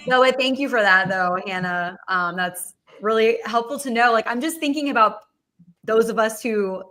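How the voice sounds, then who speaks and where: A woman's voice: fairly high pitch, moderate pace, fairly bright tone, slight background noise. A woman co-hosting a casual panel chat, agreeable and chatty, using many fillers.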